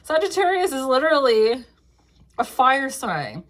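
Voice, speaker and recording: A woman's voice: sits high, sing-song, measured pace. A young woman giving a casual tarot reading, rambling with many fillers, laughing often and swearing now and then. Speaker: tarot reader.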